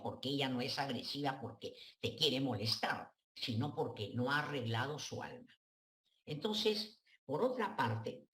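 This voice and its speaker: Lady psychoanalyst, deep voice, bouncy intonation, talks straight to the listener. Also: fairly bright tone, echoey room. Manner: direct, frank, addresses the listener as tú. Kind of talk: advice talk show.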